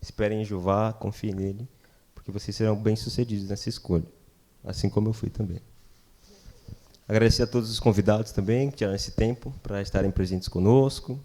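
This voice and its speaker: A man's voice: lowish voice, fairly even intonation, brisk, warm tone. A man with a Brazilian Portuguese accent, a groom giving an earnest, devout thank-you speech. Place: wedding reception.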